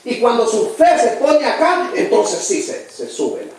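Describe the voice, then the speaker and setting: A man's voice: extremely high pitch, sing-song, measured pace, darkish tone. A man preaching a sermon with a Salvadoran accent, earnest and emphatic, calling his listeners brother again and again. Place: church hall. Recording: very echoey church, voice from far off the mic.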